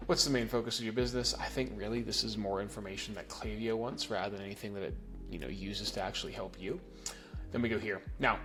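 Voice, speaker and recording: This man, raised in New Zealand but speaking with an American accent, has a mid-range voice and teaches email marketing. In a screen-recorded tutorial, he casually walks through a software setup step by step, checking in with "okay?" and "right?"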